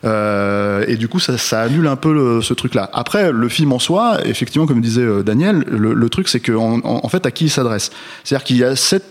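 A man chatting casually about a film, his voice at an ordinary middle pitch. He hesitates often, filling gaps and restarting his sentences as he works toward his point. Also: expressive, fairly quick. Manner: hesitant, many fillers and restarts. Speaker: film podcast co-host. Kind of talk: casual film review chat.

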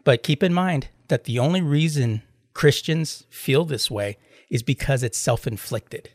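A man's voice: medium pitch, a little slow, no room sound, studio quality. A man chatting casually as a podcast host, telling anecdotes in a rambling way and acting out both sides of retold exchanges. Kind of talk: casual chat, retelling anecdotes.

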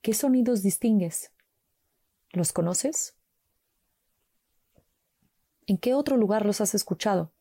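A woman slowly guiding a mindfulness walk with calm, gentle instructions and long pauses. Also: medium pitch, husky, no room sound. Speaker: meditation guide.

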